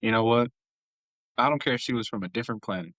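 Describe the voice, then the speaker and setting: A young man co-hosting a casual podcast, telling animated stories and giving playful shout-outs. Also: mid-range voice, fast, dry recording, rough recording. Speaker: podcast co-host.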